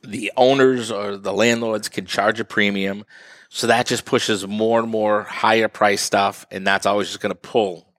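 A man's voice: on the low side, steady tone, unhurried, a bit bright, dry recording, studio quality. A man as the guest in a casual interview, explaining at length and acting out what buyers say. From northeastern Massachusetts. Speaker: real estate guest.

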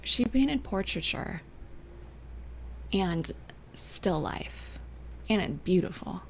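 A young adult woman from Canada and Northern California, chatting as an interview guest, soft-spoken and often trailing off into near-whispers. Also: fairly low pitch, lively intonation, slow pace, creaky, slight background noise. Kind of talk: casual interview chat.

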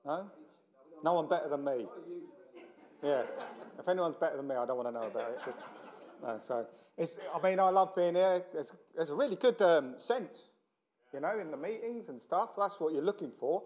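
A man's voice: on the high side, lively intonation, normal speed, darkish tone. A middle-aged man with a South London accent preaching in a chatty, joking, blokey and self-deprecating way, as a visiting speaker. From South London, England. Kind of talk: informal sermon to a church meeting.

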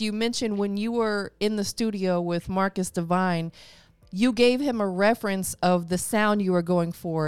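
Woman interview host, forties, smooth clear voice, dry close sound, upbeat and encouraging. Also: mid-range voice, a little mellow, no echo. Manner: upbeat, affirming, laughs often. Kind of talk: casual interview.

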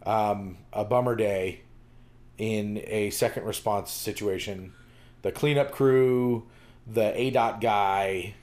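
A man's voice: on the low side, steady tone, slow pace, darkish tone. A man co-hosting a podcast in casual chat, rambling with lots of fillers and restarts. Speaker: podcast co-host.

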